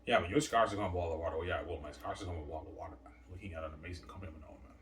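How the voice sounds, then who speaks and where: A low, slightly bright voice races along as this thirty-something channel host brags his way through an offhand monologue. He sprinkles "right?" and "obviously" after his points, captured on a distant mic with faint background noise.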